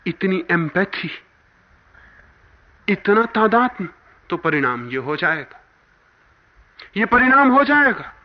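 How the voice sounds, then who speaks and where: High-voiced man giving a fervent spiritual talk. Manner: emphatic, swinging between forceful rises and hushed drops. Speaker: spiritual teacher. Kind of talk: spiritual discourse. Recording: dull lo-fi archival talk recording.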